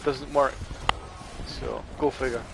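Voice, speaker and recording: A man's voice: mid-range voice, steady tone, takes it slowly, creaky. Guy rambling thru a game stream, dry sarcastic comments, faint game noise under him. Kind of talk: live gameplay commentary.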